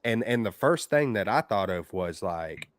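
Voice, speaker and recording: A man's voice: lowish voice, lively intonation, moderate pace, dry recording, clean studio sound. Slangy American man calling in over the phone. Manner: slangy, informal, frequent "man" and "bro". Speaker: caller on a live sports call-in show. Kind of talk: casual excited fan chat.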